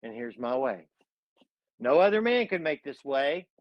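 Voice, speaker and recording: A man voicing God as a calm, commanding deity, speaking slowly and solemnly. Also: medium pitch, no room sound, lo-fi sound, voice pushed down.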